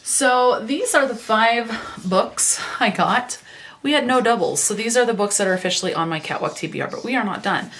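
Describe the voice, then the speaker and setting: A woman's voice: on the high side, moderate pace, a bit bright. A woman hosting a casual book vlog, chatting and reading book synopses aloud, with small stumbles and self-corrections. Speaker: book vlogger.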